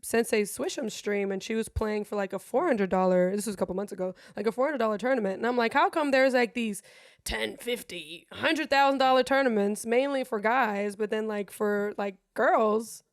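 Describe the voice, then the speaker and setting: A German woman, whose first language is German, speaks English as a guest streamer in a casual interview chat. Her voice is a little high and moderately paced, captured in a dry, close recording. She rambles, talks frankly, and swears freely.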